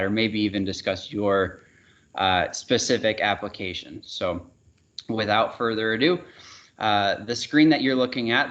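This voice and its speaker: A man giving a relaxed sales presentation over a video call, with frequent fillers and restarts. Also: fairly low pitch. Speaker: regional sales manager presenting a webinar. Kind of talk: casual product presentation. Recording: dull, muffled webinar audio.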